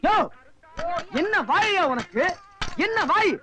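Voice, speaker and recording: A man's voice: very high-pitched, lively intonation, slow pace, bright, forceful tone, full character voice. An actor playing a beggar man in a film comedy who talks back and soothes a fellow beggar. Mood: cheeky. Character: beggar man, cheeky then consoling.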